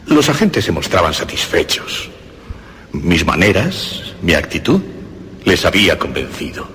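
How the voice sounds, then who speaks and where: A man narrating a dramatic first-person audiobook story, building from calm telling to frantic, laughing shouts. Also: low voice, measured pace, slight background noise.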